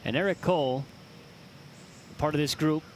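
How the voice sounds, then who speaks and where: A man as lead golf commentator, calling play concisely with measured delivery of facts and yardages. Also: fairly high pitch, a little hiss or hum.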